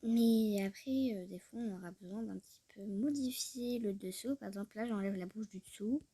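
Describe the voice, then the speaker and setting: A woman's voice: mid-range voice, moderate pace, mellow, husky, no room sound. A woman chatting casually through a tutorial, rambling, talking to herself and often dropping to a murmur. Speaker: YouTuber showing a tutorial. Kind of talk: casual screen-recorded tutorial chat.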